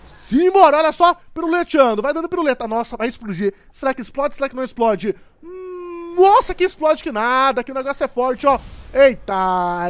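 A man giving excitable, exclamatory gameplay commentary as a gaming video host. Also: very high-pitched. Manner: excitable, exclamatory, repeats "top" and "ó". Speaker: gaming YouTuber.

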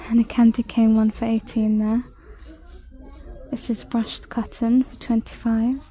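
A woman chatting through a shopping walk-through in a large store, reading out prices and sometimes dropping to a soft whisper, filmed on a handheld phone. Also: a little high. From United Kingdom. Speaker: shopping vlogger. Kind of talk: casual shop-with-me commentary. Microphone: handheld phone camera.

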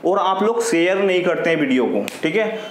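A man's voice: high voice, animated, brisk. A man with a Hindi accent teaching a maths lesson, explaining step by step and asking and answering his own questions. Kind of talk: classroom lesson. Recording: echoey room with faint noise.

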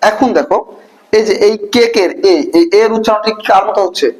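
A Bangladeshi man teaches a lesson in a fairly high voice. He drills the class, firing short questions and answering them himself over and over. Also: a little fast, darkish tone, low-quality recording. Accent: Bangladeshi Bengali.

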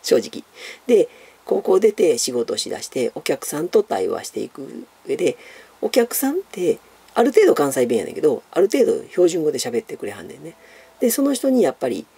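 Gravelly, husky Kansai man chatting. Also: on the high side, wildly swooping pitch, brisk, warm tone. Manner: chatty, rambling, many fillers, calls himself by nickname. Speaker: YouTuber answering viewer questions. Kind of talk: casual Q&A monologue.

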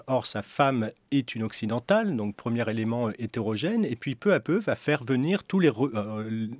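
A man's voice: medium pitch, dry recording. Middle-aged guy critic on radio, keen, lots of euhs, close dry studio mic. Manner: fluent and enthusiastic, with many filler hesitations. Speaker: film critic. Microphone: studio microphone with headphones.

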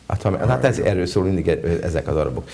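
Low-voiced man talking up his plays. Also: expressive, vocal fry, dark tone. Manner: enthusiastic, describes plays at length. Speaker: theater artistic director. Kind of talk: casual talk-show chat.

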